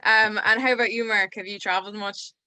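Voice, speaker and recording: Bright-voiced upbeat woman host. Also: mid-range voice, steady tone, fairly quick, no echo. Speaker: podcast host. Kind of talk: interview hosting.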